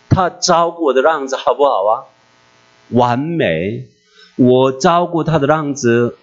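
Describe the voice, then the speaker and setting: A man preaching a personal testimony in an emotional, animated way, often asking his listeners questions, recorded dull and lo-fi with a mains hum. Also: medium pitch.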